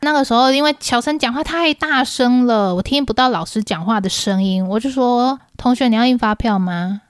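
A woman's voice: on the high side, normal speed, smooth, no room sound, studio quality. A young woman with a Taiwanese Mandarin accent, co-hosting a casual chat podcast and telling stories with acted-out dialogue and frequent laughs. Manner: animated storyteller, acts out dialogue, laughs often. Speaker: podcast co-host.

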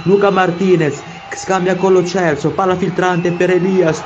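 A man commentating a football match in breathless goal-call style, shouting players' names and goals in repeated bursts, stretching key words and then rattling off match details. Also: high-pitched, flat delivery, unhurried. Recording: dull lo-fi audio with faint noise.

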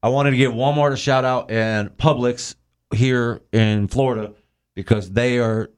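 A man's voice: mid-range voice, steady tone, unhurried, clear, resonant tone. A man co-hosting a radio show in casual on-air banter, laid-back and joking, with lots of fillers. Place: radio studio.

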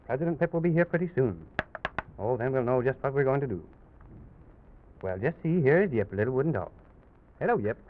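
On a noisy, muffled old radio recording full of clicks, a man hosts a children's story show. His medium-pitched voice is expressive, and he talks fairly quickly in simple phrases meant for young children, with long pauses along the way.

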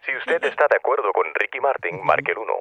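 A man's voice: fairly low pitch, animated, fast, no room sound. A man speaking as an automated phone poll, formal and instructing. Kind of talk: recorded phone menu prompts. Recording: muffled phone line with loud noise.

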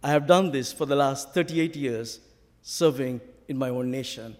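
A man with a Sri Lankan accent preaching a sermon with stories and scripture, speaking emphatically and deliberately. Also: medium pitch. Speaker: visiting preacher. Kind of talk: sermon with storytelling and scripture reading. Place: large church hall, preaching to a congregation. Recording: hall reverb from a church PA.

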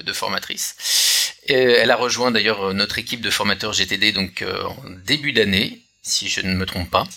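A man's voice: on the low side, creaky, pushed and bright. A man hosting a casual podcast chat, hesitant, with many filler sounds and restarts. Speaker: podcast host.

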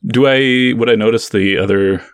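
A man's voice: lowish voice, moderate pace, clean tone, no echo. A man playing a tabletop game, chatting casually and thinking aloud in a hesitant way.

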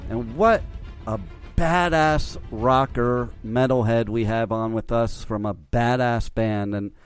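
A man's voice: medium pitch, slow, faint music behind. An American man hosting a radio interview in a casual, enthusiastic and informal way. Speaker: radio show host.

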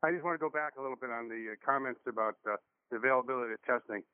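Fast-talking male caller over the phone. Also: medium pitch, clear, resonant tone, dry recording. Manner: polite, explanatory. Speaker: radio call-in caller. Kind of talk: call-in talk radio. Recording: tinny phone line.

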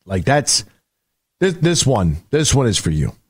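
A man's voice: mid-range voice, big pitch swings, unhurried, breathy edge, no echo, studio quality. A male sports radio host talking casually to his listeners. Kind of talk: casual sign-off talk to listeners.

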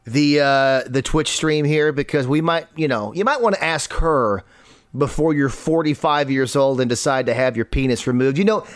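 A man hosting a comedic podcast, telling a story in an animated, incredulous, joking way and reading out chat comments. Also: mid-range voice, moderate pace. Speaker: podcast host.

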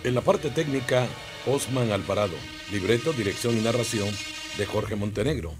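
A man's voice: medium pitch, moderate pace. A man with a Honduran accent who narrates and directs a radio drama in a formal announcing style. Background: music.

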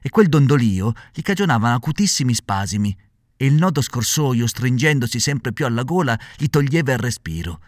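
Expressive male storyteller, dry sound. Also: mid-range voice, moderate pace, dry recording. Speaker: narrator. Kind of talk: reading a classic children's story aloud.

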